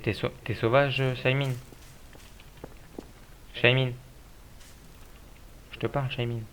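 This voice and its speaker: A man's voice: mid-range voice, little pitch movement, slow pace, fairly bright tone, a little hiss or hum. A tired man working as a game server admin, scolding players in casual gameplay commentary. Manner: exasperated, scolding players about respect.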